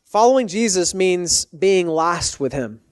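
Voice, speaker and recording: A man preaching a sermon as a pastor, speaking earnestly and emphatically, with deliberate phrasing and direct appeals to his listeners. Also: high-pitched, expressive, no room sound.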